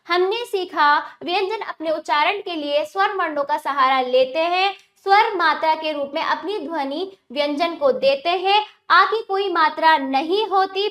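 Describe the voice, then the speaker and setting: A woman with a high, bright, forceful voice teaches young children grammar, patiently posing questions to the class and answering them herself. She slows down and stresses each example word as she spells it out.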